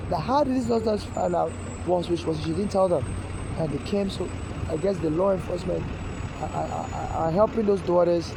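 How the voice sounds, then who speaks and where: A man's voice: sits high, moderate pace, creaky. A man, making a rambling, urgent appeal straight to camera outdoors, stammering and repeating himself as he restarts his sentences. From Nigeria. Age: 40s. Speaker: street vlogger appealing for donations. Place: outdoors on a city street. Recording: loud street traffic noise outdoors.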